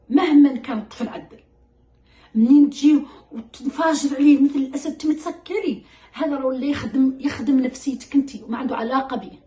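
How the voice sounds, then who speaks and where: A woman giving casual parenting advice to mothers, animated and acting out what she says to her child. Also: a little high, reverberant, poor audio. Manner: animated, addresses listener as "darling", acts out her own dialogue with the child.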